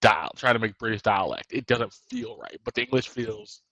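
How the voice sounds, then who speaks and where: A man's voice: fairly low pitch, expressive, moderate pace, fairly bright tone, no echo, lo-fi sound. Male co-host, casual rambly talk, dry close sound. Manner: rambling, restarts sentences often. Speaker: podcast co-host. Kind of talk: casual chat.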